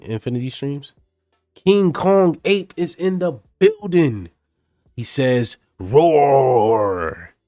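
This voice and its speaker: A man's voice: lowish voice, dark tone, no room sound, clean studio sound. Chatty man streaming to his chat. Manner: chatty, addresses chat viewers by name. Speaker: streamer reading documents and chatting with viewers. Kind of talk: casual live-stream reading and chat.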